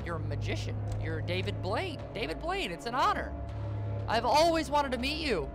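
A woman's voice: a little high, big pitch swings, normal speed. A woman commenting on a horror game as she plays it, joking, swearing and yelping at the scares. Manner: jokey, swearing, yelps and screams at scares. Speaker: gaming video creator. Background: game music.

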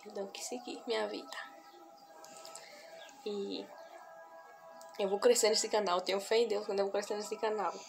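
Soft background music plays as a young woman vlogs from her couch in a small home room, filming on a phone camera at arm's length in a noisy recording. She speaks quietly and heartfeltly to viewers in a mid-range, creaky voice with little pitch movement, repeating herself and pausing to collect her thoughts.

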